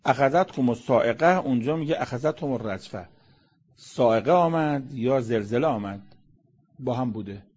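A man delivers a conversational sermon, reciting verses and then unpacking them with rhetorical questions. His voice is husky and sits at a middling pitch. The recording sounds dull and lo-fi. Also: animated, darkish tone. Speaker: religious lecturer explaining Quran verses.

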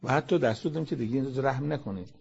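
A man's voice: medium pitch, gravelly, darkish tone, dull audio, slight background noise. A man lecturing on Quran verses in a conversational sermon style, asking rhetorical questions and reciting Arabic verses before explaining them.

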